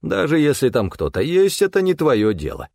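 Man doing fussy old cane spirit, worried, scolding, gravelly, dry close audiobook sound. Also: a little high, wildly swooping pitch, normal speed, darkish tone, dry recording, pitched above the performer's own voice, heavily acted. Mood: anxious.

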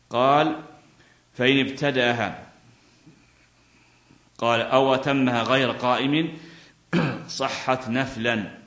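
A man with a mid-range, slightly bright voice teaches Islamic jurisprudence in a roomy-sounding space. He reads a line from a classical legal text, then explains it by posing questions and answering them himself.

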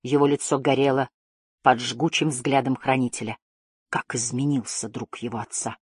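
Low-voiced woman narrating a fantasy tale. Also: steady tone, normal speed, breathy edge, no room sound, clean studio sound. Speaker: audiobook narrator. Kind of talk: scripted narration of a fantasy story.

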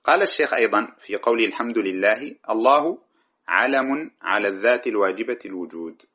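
This man's lowish voice is bright and forceful, with lively intonation, a fast pace and a breathy edge. He gives a lecture on a classical grammar text, working verse by verse, chanting the lines he cites and correcting himself mid-sentence. Sound quality is dull and lo-fi.

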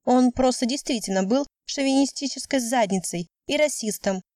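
A brash young woman athlete of about twenty, as a woman reader puts her on speaks in a raised, punchy voice, blunt and insistent. Her tone stays mellow and warm under the push. The recording is dry and close, like a storybook audiobook. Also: high-pitched, normal speed, no room sound, voice pushed up, close to an everyday voice.

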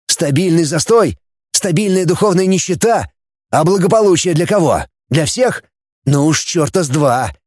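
A man's voice: a little high, darkish tone, dry recording, studio quality, voice pushed up. A man playing a cynical, blunt male outcast who talks in a sardonic, scornful way.

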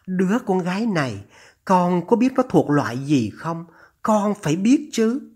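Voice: medium pitch, sing-song, unhurried, a little mellow, breathy edge. A narrator voicing an anxious older mother on the phone, her trembling voice urgent and scolding as she pleads. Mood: pleading, alarmed.

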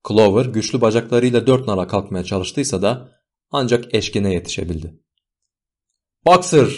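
Male audiobook reader, low-pitched, measured scripted narration. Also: a little mellow.

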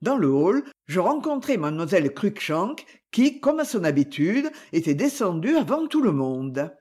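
Un homme qui lit un roman à voix haute, une narration écrite et expressive à la première personne. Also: male voice, high-pitched, normal speed, slightly rough. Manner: expressive first-person reading. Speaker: audiobook reader. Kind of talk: scripted narration.

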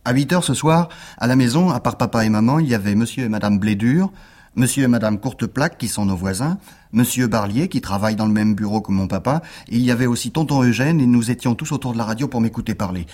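Male storyteller, mid-pitched, chatty childlike narration of a children's book. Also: fast, a little mellow.

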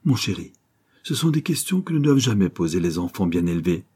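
A man voicing a soft-spoken, gentle young mother in an audiobook, tender and a little pleading. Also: deep voice, normal speed, slightly rough. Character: gentle, sad young mother, the banker's daughter. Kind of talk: audiobook character reading.

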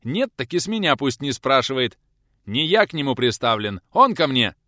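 Man playing a gruff older male teacher, sarcastic, growling, blunt. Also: fairly low pitch, sing-song, fairly quick, fairly bright tone, no echo, studio quality. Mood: gruff scolding.

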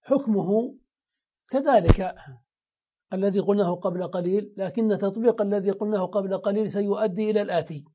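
Man teaching grammar, higher voice, mellow tone, asks then answers himself. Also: brisk, muffled recording. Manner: explains step by step, asks questions and answers them. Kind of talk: classroom lesson.

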